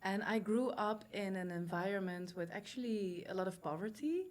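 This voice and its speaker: A woman's voice: medium pitch, moderate pace. A woman in her thirties from the Netherlands with a Dutch accent, telling her life story as a podcast guest in a direct manner with fillers and restarts. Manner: direct, laughs easily, many fillers and restarts. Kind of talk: candid personal storytelling.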